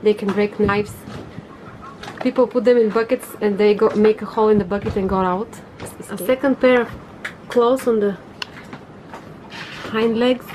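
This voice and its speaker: A woman vlogger with a Bulgarian first language, excitedly explaining things to camera on a sailing boat. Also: medium pitch, moderate pace, pauses often, a little hiss or hum, low-quality recording. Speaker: vlogger, sailor.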